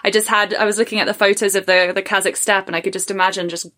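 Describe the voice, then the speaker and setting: A woman with a British accent hosts a podcast interview in a middle-pitched voice. She is bubbly and curious, laughs easily and keeps the questions flowing. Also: flat delivery, quick pace, bright, forceful tone. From Britain. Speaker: podcast host.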